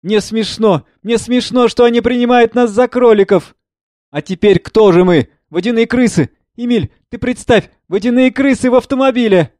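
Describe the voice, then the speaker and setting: A man reading the part of a frightened mother who breaks into nervous, giddy chatter, his voice raised high. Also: animated, moderate pace, hardly any pauses, darkish tone, no echo, studio quality. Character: excitable middle-aged mother, laughing nervously.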